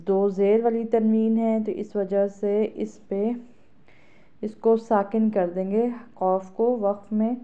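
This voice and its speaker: A woman with a Pakistani Urdu accent teaching Quran reading. She spells each letter out slowly and loudly, then explains softly and quickly. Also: mid-range voice. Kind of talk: slow syllable-by-syllable spelling drill, then explanation. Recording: tinny phone-like audio.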